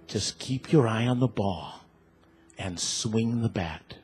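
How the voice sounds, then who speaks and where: A man voicing a kindly baseball pitcher who softly and patiently coaches a struggling boy at bat. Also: slow, music in the background. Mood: gentle coaching. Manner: soft, patient and encouraging.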